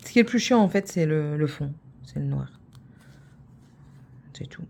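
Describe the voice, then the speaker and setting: A woman chatting casually to her viewers about her craft projects, wandering from one thought to the next and teasing herself along the way. Her voice sits a little low and sounds soft and mellow rather than bright. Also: lively intonation, moderate pace, creaky, a little hiss or hum. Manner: chatty, rambling, self-teasing. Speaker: crafts vlogger.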